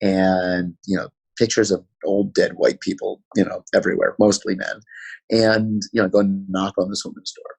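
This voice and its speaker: Gravelly fast-talking New York man. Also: deep voice, low-quality recording. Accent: New York City. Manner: fast-talking, animated storyteller. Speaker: school founder and principal. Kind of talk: podcast interview storytelling.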